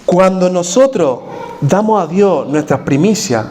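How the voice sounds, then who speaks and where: A man's voice: high voice, animated, a little slow, dark tone. A man preaching a sermon as pastor in a church, putting questions to the congregation and repeating his key points.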